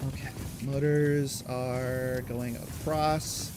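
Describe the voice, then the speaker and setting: A man's voice: mid-range voice, flat delivery, drawn-out words, very noisy. Chatty man narrating his own gameplay. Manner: chatty, talks to himself and game objects. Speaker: streamer. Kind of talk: casual gameplay commentary. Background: game music.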